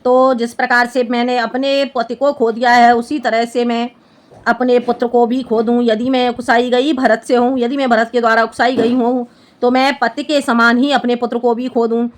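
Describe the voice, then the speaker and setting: A woman's voice: on the high side, level tone, moderate pace. A woman Hindi teacher who explains a poem line by line and often checks whether her students have understood. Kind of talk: classroom-style poem explanation.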